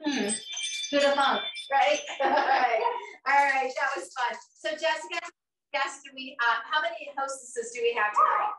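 A high-pitched, sharp-toned woman in her fifties talks at normal speed while hosting a live cooking show from her home kitchen. Her upbeat streaming chat is encouraging and chatty, sprinkled with frequent laughter. A far camera records her, giving roomy kitchen sound from a distance.

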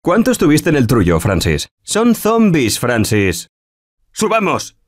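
A man with a Castilian Spanish accent playing an anxious everyman zombie-apocalypse survivor in a video game, emotive and slangy, with a husky voice. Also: on the high side, huge pitch swings, a little slow. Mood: casual.

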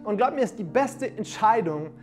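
A woman in her thirties delivers a livestreamed sermon, speaking straight to her viewers. She sounds energetic and direct, often calling out to them, and sometimes sinks into soft, quiet passages. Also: medium pitch, fairly quick, faint music behind. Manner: energetic, addressing listeners directly with "hey" and "come on". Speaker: preacher.

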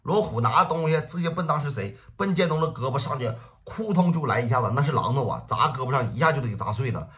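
A man's voice: mid-range voice, animated, fast talker, few pauses, fairly bright tone. A man narrating a gangster tale on a livestream, with punchy, vivid delivery and spoken sound effects. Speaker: storyteller. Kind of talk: livestream crime storytelling.

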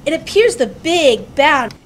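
Woman playing a deliberate news reporter, slow, high, lilting. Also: very animated, slight background noise. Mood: pointed.

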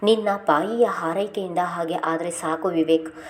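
Stubborn young wife, firm and defiant, lowish voice, read by a woman narrator. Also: steady tone, normal speed, lightly acted. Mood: sad.

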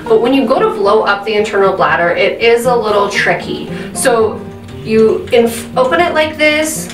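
A woman's voice: on the high side, moderate pace, music in the background. Chatty woman reviewing gear, roomy sound. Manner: chatty, frequent "um" fillers. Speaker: product reviewer. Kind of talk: casual product review. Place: indoor room at a desk. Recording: roomy and slightly distant.

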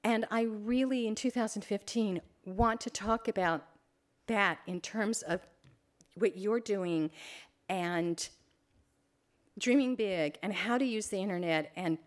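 A woman's voice: medium pitch, slow pace. An older woman photographer giving an informal library talk, chatty, rambling and openly emotional at times.

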